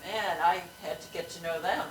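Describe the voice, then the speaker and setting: A woman's voice: on the low side, fairly even intonation, normal speed, reverberant, distant mic, noisy background. A woman guest in casual chat, agreeable and chatty. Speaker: podcast guest.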